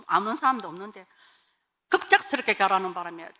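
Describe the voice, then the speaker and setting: A woman, a pastor's wife, tells her church testimony as animated storytelling and acts out the dialogue. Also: mid-range voice, fairly quick.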